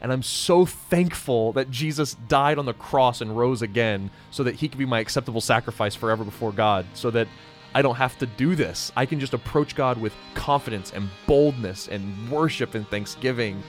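A man's voice: medium pitch, moderate pace, soft background music. A man co-hosting a podcast, chatting casually through a Bible passage and thinking aloud with fillers. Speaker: podcast co-host. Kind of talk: casual Bible study chat.

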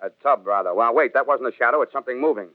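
Army captain on tinny field radio. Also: male voice, medium pitch, rapid-fire, no room sound. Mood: uneasy, startled. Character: confident male army captain reporting from the field. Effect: radio transmission. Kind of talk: 1930s radio acting, field report.

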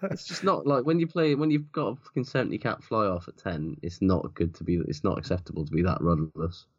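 Deep-voiced sweary man, casual chat. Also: quick pace, slightly rough, muffled recording. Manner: sweary, blunt, rambling. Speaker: podcast co-host.

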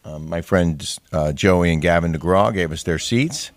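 American man, low voice, casual show co-host, easy banter, meeting room mic, fairly dry sound. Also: moderate pace, no room sound. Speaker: co-host of a daily video show. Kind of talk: casual chat. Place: hotel conference room.

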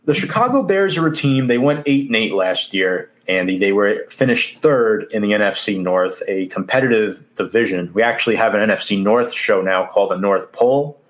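Low-pitched New sports host. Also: male voice, animated, normal speed, few pauses. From Queens, New York City. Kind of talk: live sports talk show hosting.

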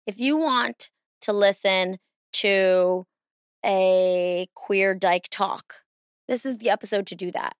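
A woman's voice: mid-range voice, clean tone, dry recording, studio quality. A woman hosting a podcast in a casual, rambling chat full of fillers. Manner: chatty, rambling, with many fillers. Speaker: podcast host.

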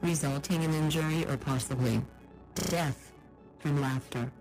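An actor playing an invading machine overlord in a comedy ad, his voice run through a deep robot filter. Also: measured pace, over music, rough recording. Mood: menacing. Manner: menacing mock announcement. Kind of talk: comedy podcast ad.

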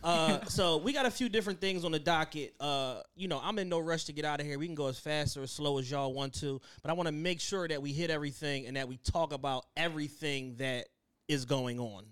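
A man's voice: on the high side, a little fast, a bit bright, clean tone. A man hosting a casual podcast chat. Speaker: podcast host.

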